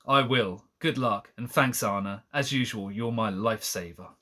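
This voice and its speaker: A man's voice: lowish voice, normal speed, pushed and bright. A man reading a novel aloud on a live stream, breaking off to mock the text with sarcastic asides and frequent laughter.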